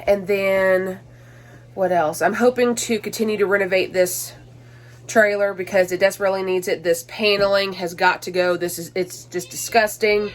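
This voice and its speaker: Rambling, chatty young mom vlogger. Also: female voice, mid-range voice, steady tone, normal speed. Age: 20s. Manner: rambling, many fillers and restarts. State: out of breath, allergies. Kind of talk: casual chatty vlog. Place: small cluttered home, indoors.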